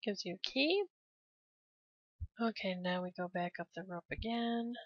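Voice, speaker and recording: A woman casually narrating a game walkthrough step by step, relaxed and prone to laughing. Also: mid-range voice, a little slow, no room sound. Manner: relaxed, laughs often, cheers at a blast. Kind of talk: casual gameplay commentary. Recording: dry, slightly dull lo-fi.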